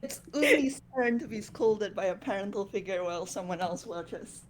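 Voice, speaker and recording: A woman's voice: medium pitch, moderate pace, a little hiss or hum. Casual woman narrating a tabletop game.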